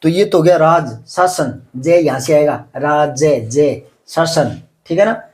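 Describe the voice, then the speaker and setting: A man's voice: a little high, unhurried, a little mellow. A man teaching grammar in a patient way, explaining with examples and often checking whether his students follow. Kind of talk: classroom lesson.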